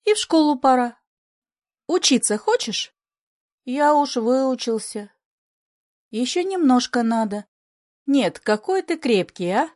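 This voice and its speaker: A woman's voice: high voice, animated, takes it slowly, pauses often, darkish tone, no echo, studio quality. Woman playing a commanding young mother.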